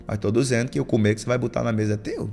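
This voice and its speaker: A man's voice: mid-range voice, steady tone, racing, gravelly, a little mellow, faint music behind. A man preaching a sermon as a pastor, telling stories and acting out the lines of church members. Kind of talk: sermon with storytelling.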